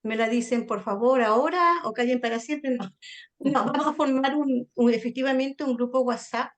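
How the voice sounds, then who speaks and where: A Chilean woman leads a sonnet workshop over a video call. Her voice sits a little high. She explains step by step and keeps checking that her students are following. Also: moderate pace. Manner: checks in often with "¿ya?" and "¿cierto?". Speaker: literature teacher leading a sonnet workshop. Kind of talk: online class explanation.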